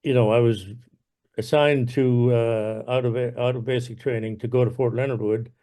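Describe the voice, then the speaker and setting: Older Irish-born man, interviewee, easygoing and halting delivery. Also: mid-range voice, fairly even intonation, warm tone. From Ireland. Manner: unhurried, many fillers and restarts, chuckles often. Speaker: interviewee, veteran. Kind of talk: casual oral history interview.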